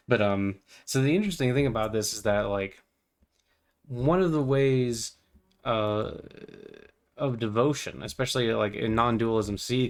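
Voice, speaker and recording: A young man rambling casually about spiritual ideas while playing a game, full of fillers and playful asides. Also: mid-range voice. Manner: meandering, filler-heavy, playful, easily distracted. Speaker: gaming vlogger.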